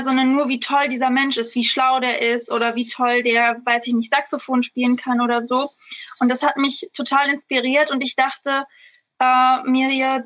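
High-voiced young woman, hesitant. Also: fairly bright tone. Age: 20s. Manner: thoughtful, hesitant with many fillers. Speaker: medical student, guest. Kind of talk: casual interview.

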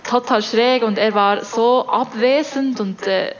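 Young woman telling her story, halting, lots of ums, kinda high voice, muffled lo-fi sound. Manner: hesitant, halting, many fillers and restarts. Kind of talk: personal account in casual chat. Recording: dull lo-fi sound.

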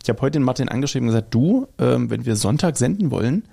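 A German-accented man chatting casually as a podcast co-host. His voice is gravelly and dark, and he wanders through his anecdotes, correcting himself as he goes. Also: medium pitch, lively intonation, fast. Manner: rambling, anecdotal, self-correcting. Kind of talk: casual chat.

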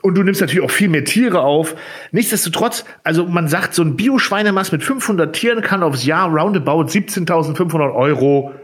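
Male podcast co-host from Germany, slightly high voice, explanatory and filler-heavy. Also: expressive, fairly quick. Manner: explains with figures, many fillers. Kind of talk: casual podcast chat.

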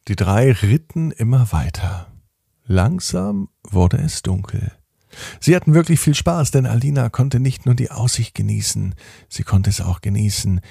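A man reads a bedtime story slowly and gently, his low voice rising and falling with lots of expression. His tone is dark and husky, recorded dry and close. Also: dry recording.

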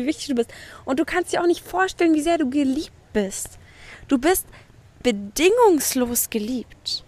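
A woman's voice: sits high, darkish tone. A woman hosting her own podcast, giving an effusive spiritual pep talk, swearing casually and mixing in English phrases. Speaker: podcast host. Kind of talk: spiritual motivational monologue. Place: outdoors by the sea at night.

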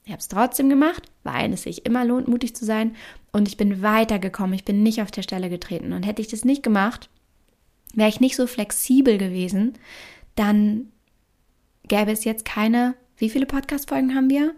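A woman's voice: on the high side, normal speed. A woman hosting a motivational podcast, speaking emphatically. She drops into whispered asides and laughs easily. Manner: expressive, emphatic, with whispered asides and playful quoted inner voices. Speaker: podcast host.

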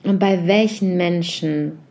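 Gentle questions are put directly to the listener by a woman leading a reflection meditation. Her lowish voice is soft, slow, and unhurried.

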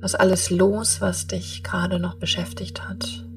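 A woman guiding a meditation in a soft, breathy, half-whispered soothing voice, speaking in slow, spaced-out calm instructions. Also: on the low side, distant mic. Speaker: podcast host and meditation guide. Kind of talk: guided meditation.

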